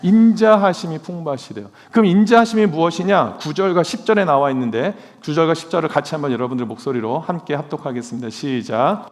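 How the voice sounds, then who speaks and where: A male pastor preaches a sermon in a church sanctuary, earnestly putting questions to his congregation. His voice is on the high side, and he talks fast with hardly any pauses, while the recording carries long church-hall reverb.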